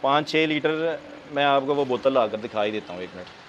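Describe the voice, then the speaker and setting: Over faint bird sounds and a muffled recording, a Pakistani man shares chatty pigeon-keeping advice in an animated, mid-range voice at a fairly quick pace. He keeps dropping in "theek hai" as he explains.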